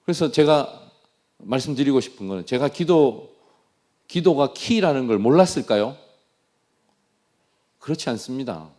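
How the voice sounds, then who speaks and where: A man's voice: mid-range voice, expressive, moderate pace, long pauses, warm tone. A man from Daegu with a Gyeongsang accent, a missionary giving an earnest, self-deprecating testimony in a sermon, often repeating his phrases. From Daegu, South Korea.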